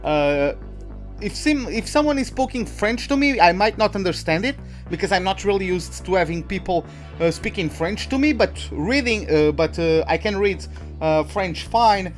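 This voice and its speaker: A young gaming YouTuber from a Portuguese-speaking country, whose first language is Portuguese, rambles casually in English as he plays a racing game, full of fillers and restarts. His high-sitting voice has lively intonation and a moderate pace. Faint music runs behind this let's-play commentary.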